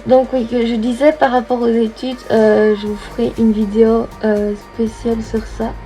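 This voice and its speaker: A woman's voice: on the high side, level tone, normal speed, mellow, faint music behind, low-quality recording. A young woman, chatting casually through a makeup tutorial and thinking aloud as she works. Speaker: beauty vlogger.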